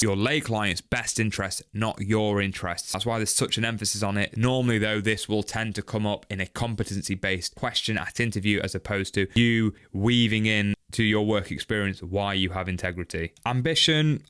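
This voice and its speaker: A man, a lawyer walking through career advice point by point in a steady, matter-of-fact way. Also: fairly low pitch, clean tone. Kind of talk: instructional talk to camera.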